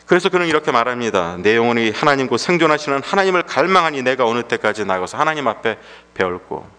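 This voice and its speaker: Male pastor, lively rising-and-falling sermon delivery with rhetorical questions and repetition, long hall reverb. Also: mid-range voice, fast talker, clean tone. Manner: swings between raised emphatic lines and hushed drops.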